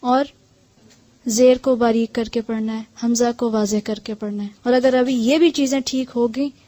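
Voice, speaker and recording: A woman's voice: fairly high pitch, steady tone, dark tone, no echo. A woman teaching Quran recitation in a patient lesson. She demonstrates sounds one at a time and often checks in with short questions. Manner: models sounds slowly. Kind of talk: tajweed lesson for women.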